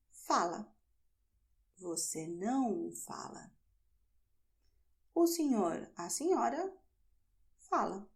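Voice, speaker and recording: Slow, mellow woman teaching. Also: medium pitch, vocal fry. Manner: spells out phrases slowly, then explains them. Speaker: language teacher. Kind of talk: slow, clear language lesson.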